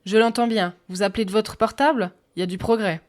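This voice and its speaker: A woman voicing a cheeky, eager young male assistant who talks quickly and chattily. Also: mid-range voice, steady tone, voice pushed up, close to an everyday voice. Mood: chatty.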